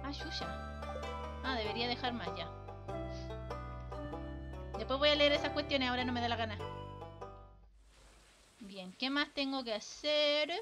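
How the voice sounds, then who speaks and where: Bright, high-voiced Chilean woman streamer. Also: unhurried, pauses often, faint music behind. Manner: casual, swears a lot, chats with viewers. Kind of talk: live gameplay commentary.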